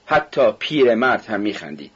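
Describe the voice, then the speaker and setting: A man's voice: fairly low pitch, sing-song, slightly rough. A man narrating a novel as an audiobook, telling it steadily and evenly. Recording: dull, muffled recording.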